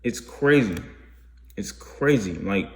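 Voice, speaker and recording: Slow and expressive, this man's voice sits on the low side and carries some reverb. He's a twentysomething vlogger questioning his own life decisions in a meandering, casual monologue, frequently starting sentences over.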